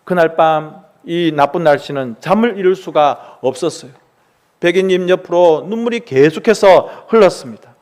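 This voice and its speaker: High-voiced man telling a sermon story. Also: moderate pace. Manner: animated, dramatic storytelling. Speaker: preacher.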